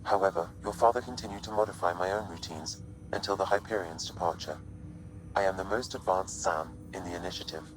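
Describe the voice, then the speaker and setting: A man voicing a calm male artificial intelligence in a video game, speaking in a measured, formal, unemotional way through a computer-processed synthetic filter. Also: deep voice, background noise. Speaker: ship's AI companion.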